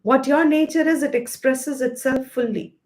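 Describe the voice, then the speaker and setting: An Indian woman leads a scripture study class in a voice pitched a little above usual. She explains patiently, slowing down to weigh each key term. Hindi phrases slip naturally into her English. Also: a little mellow. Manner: explanatory, slows to stress key terms. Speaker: Vedanta teacher.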